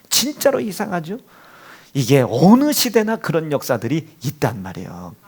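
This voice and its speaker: Male pastor preaching in church; high, animated delivery full of rhetorical questions. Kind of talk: sermon. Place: church sanctuary. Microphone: handheld or stand microphone.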